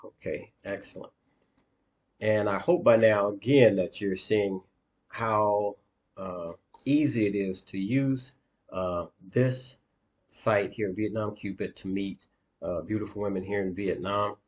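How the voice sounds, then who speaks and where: A man with a very deep, low voice talks viewers through a screen share as a dating coach. His delivery is halting and plain, full of pauses and fillers. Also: steady tone, darkish tone. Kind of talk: screen-share walkthrough with commentary.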